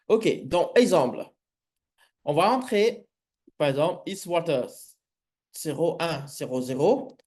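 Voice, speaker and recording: A man who is not a native French speaker, with a foreign accent in French, teaches a live coding lesson haltingly, often searching for words. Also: on the high side, a little mellow. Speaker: programming instructor.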